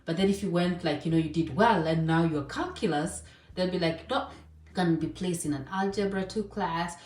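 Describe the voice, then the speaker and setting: A woman's voice: on the low side, normal speed, a little mellow. A woman from Kenya giving casual advice in a chatty way, full of fillers and asides. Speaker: vlogger. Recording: echoey room, voice a bit distant.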